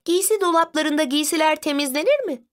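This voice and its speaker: Woman voicing a bright eager little girl. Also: sits high, brisk, pitched above the performer's own voice, close to an everyday voice. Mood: excited. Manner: excited, bright, bouncy child voice. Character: cheerful clever young girl, big sister.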